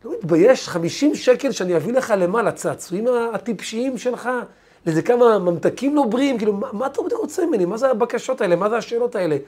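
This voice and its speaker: A man playing a tired, short-tempered father who scolds his young son in rapid, irritated questions. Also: on the high side, animated, a little mellow, slightly rough. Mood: angry.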